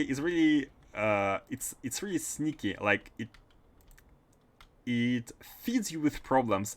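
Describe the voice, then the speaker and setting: Chatting casually during a gaming livestream, a man with a Russian accent speaks at medium pitch in a slightly bright voice. As he plays, he tends to repeat and restart his phrases.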